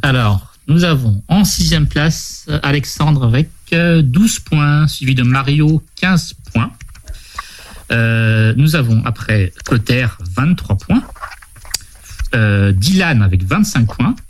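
A man co-hosting a casual online quiz, relaxed and steady as he reads answers and scores. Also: medium pitch, slow, slight background noise. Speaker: quiz co-host reading scores.

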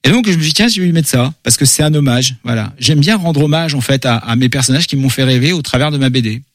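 Comic book guy talking fast and animated, lots of euh and repeats, dry close sound. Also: medium pitch, no echo. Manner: animated, many fillers and repeated words. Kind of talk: casual interview chat.

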